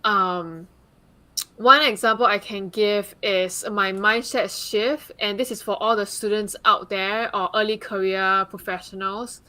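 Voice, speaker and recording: On a live panel discussion, a guest speaker from Singapore who works as a consultant and advocate talks earnestly, peppering her speech with "like" and "um." Her medium-pitched voice is steady, pushed, and bright, a little on the slow side.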